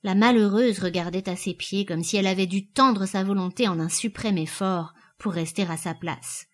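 Woman narrating a novel, measured. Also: medium pitch. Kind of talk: audiobook narration.

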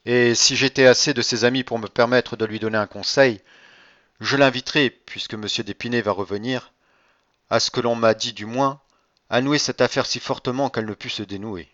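A man voicing a calm, cunning nobleman in an audiobook reading, measured and courteous. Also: medium pitch, dry recording, muffled recording, lightly acted. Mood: composed.

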